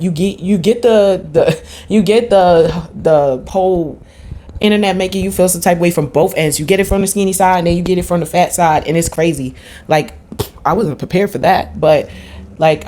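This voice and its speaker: A woman with a low-pitched voice talks straight to her viewers in an unscripted vlog. She rambles candidly, using loose slang and blunt words. The talk is casual and unpolished. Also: a little mellow, a little hiss or hum. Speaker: vlogger.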